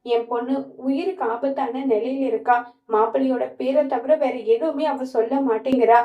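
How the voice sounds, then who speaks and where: A woman's voice: high voice, steady tone, normal speed, roomy sound, lo-fi sound, natural voice. A woman reading a pleading older mother. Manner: pleading, tearful. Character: older pleading mother begging for her daughter.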